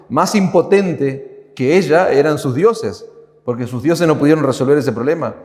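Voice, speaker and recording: A man's voice: medium pitch, darkish tone. A man with an Argentine Spanish accent preaches from the pulpit, leaning hard on repeated phrases to drive each point home. His mid-range voice carries a long, ringing reverb from the church hall around him. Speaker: pastor. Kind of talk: sermon. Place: church sanctuary.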